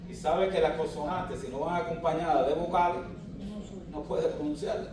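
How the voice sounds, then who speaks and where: A man's voice: fairly high pitch, fairly even intonation, normal speed, noisy background. A man preaching a teaching sermon as pastor, explaining patiently and asking his congregation questions. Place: church hall. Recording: echoey hall, mic at a distance.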